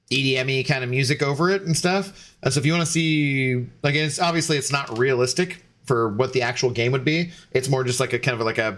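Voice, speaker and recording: With a medium-pitched, fairly bright voice, a young man streaming games talks casually to viewers while tipsy. He rambles, often filling and restarting his sentences.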